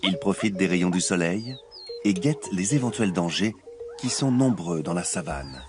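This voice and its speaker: Low-voiced male nature documentary narrator over music. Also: lively intonation, normal speed.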